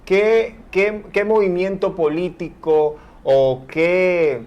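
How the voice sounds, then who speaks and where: A male host leads a TV interview. His voice sits a touch high, and his questions run long and wind around before landing. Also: steady tone, slow pace, darkish tone, lo-fi sound. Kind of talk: television interview.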